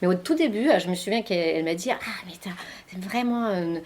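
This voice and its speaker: This mid-range, darkish voice moves fast with lively intonation. It belongs to a Finnish woman in her forties, an author and journalist interviewed at a library talk in a meeting room, who answers in Finnish-accented French as a second language with many fillers and restarts.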